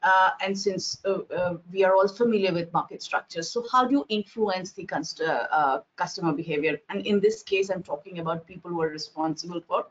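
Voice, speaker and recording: A middle-aged woman, explaining by example as a panelist on a video call, hesitant and deliberate. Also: lowish voice. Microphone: earphones on video call. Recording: dull video-call audio.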